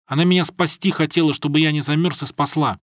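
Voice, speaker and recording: A man's voice: on the high side, fairly even intonation, fast talker, no echo, clean studio sound, close to an everyday voice. A man voicing a naive, earnest young male student who pleads and blurts out whatever he thinks, in an audiobook.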